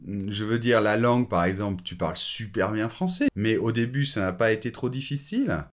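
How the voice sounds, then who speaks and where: A man plays a chatty, self-mocking student radio host interviewing a guest in a scripted French lesson, upbeat and friendly throughout. His natural voice is lowish and animated, with a moderate pace.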